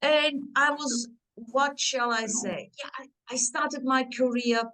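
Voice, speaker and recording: Speaking slowly in a high, steady voice, this career and family coach leads an upbeat coaching workshop via video call. She's a middle-aged woman from Turkey who grew up in Germany, warm and encouraging as she engages her listeners, though the audio is poor.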